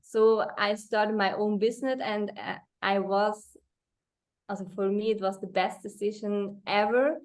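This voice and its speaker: Slow-speaking young Swiss German woman. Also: medium pitch, steady tone. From Switzerland. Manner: halting non-native English. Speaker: speaker sharing her story. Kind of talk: informal testimonial talk.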